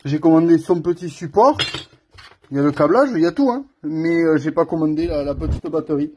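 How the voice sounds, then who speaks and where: A man's voice: a little high, a little fast, mellow, slight background noise. A man filming himself on his phone in his home workshop, chatting casually to the viewer as he works on a scooter and thinks aloud. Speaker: scooter mechanic vlogger. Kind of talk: casual how-to vlog.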